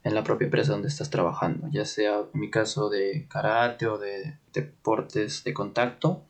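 A young man from Peru speaking Spanish in a casual interview, often pausing to search for words and laughing lightly as he explains his training. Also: lowish voice, level tone. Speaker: interview guest, trainee in Germany.

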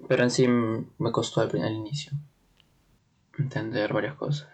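A man's voice: lowish voice, flat delivery, moderate pace, a little mellow. Hesitant young man from Peru, chatting. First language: Spanish. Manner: hesitant, searches for words, laughs often. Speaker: interview guest, trainee in Germany. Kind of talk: casual interview conversation.

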